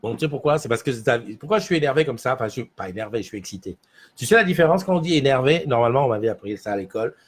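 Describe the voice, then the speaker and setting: A man's voice: mid-range voice, lively intonation, racing. A man hosting a casual morning livestream from a small studio, rambling and answering viewer comments as he reads them. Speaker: livestream host.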